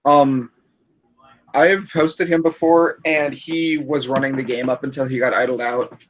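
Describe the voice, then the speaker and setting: Young guy, mid-pitch, rambling and unsure, muffled lo-fi call audio. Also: fairly even intonation, a little slow, slight background noise. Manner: rambling, hesitant with many ums. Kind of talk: casual group call chat. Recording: dull lo-fi voice call.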